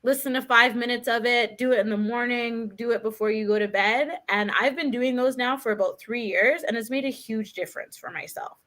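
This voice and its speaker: Bright, animated woman. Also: a little high, brisk, few pauses. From Canada. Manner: animated, chatty, full of "like" and "right?". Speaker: guest, author. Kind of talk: casual conversational storytelling.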